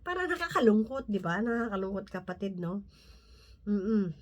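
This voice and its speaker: A woman giving an informal Bible talk as a lay preacher, talking conversationally with frequent tag questions, restarts and soft laughs, and reading scripture slowly from her notes. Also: mid-range voice, big pitch swings.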